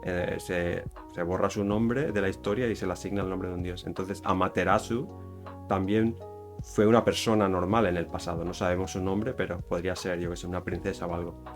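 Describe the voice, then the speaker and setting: A man with a Spain Spanish accent talks through a topic in a loose, chatty way, often stopping to correct himself. His voice sits on the lower side, and soft guitar music plays faintly behind him. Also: fairly even intonation, fairly quick. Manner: rambling, with many fillers and self-corrections. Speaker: YouTuber explaining Japanese culture. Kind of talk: casual explanatory talk.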